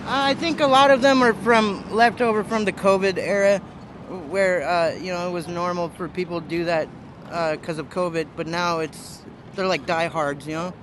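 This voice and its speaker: A man in his twenties from Russia answers questions on a city street. His voice sits high, and he hesitates often, restarting his sentences. Heavy street noise runs underneath him. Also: steady tone, moderate pace. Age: 20s. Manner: hesitant, lots of uhs and restarts. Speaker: passerby. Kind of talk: casual street interview. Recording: loud street and traffic noise.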